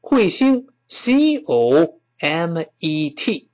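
Lively-voiced man teaching phrases. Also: fairly high pitch. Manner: explains patiently, models English phrases slowly and repeats them. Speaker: English teacher. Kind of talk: spoken English lesson.

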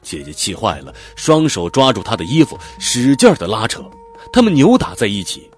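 A man's voice: fairly low pitch, huge pitch swings, brisk. A man narrating a dramatic audiobook, telling the story vividly and expressively. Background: faint background music.

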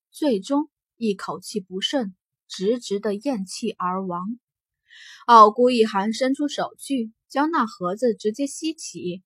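A woman narrating a fantasy novel as an audiobook in a steady, expressive storytelling manner. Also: mid-range voice, breathy edge, no echo.

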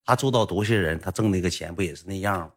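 A man voicing a pregnant young wife who speaks quietly and gently to calm a guest. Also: sits low, quick pace. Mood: soothing.

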